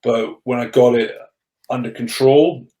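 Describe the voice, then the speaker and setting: He speaks unhurriedly, in a steady, mellow, medium-pitched voice, reflecting earnestly on his journey from rugby player to coach as a podcast guest. The man, in his thirties, has a mostly controlled stammer that brings frequent restarts and repeated words. The bare room makes the audio echoey.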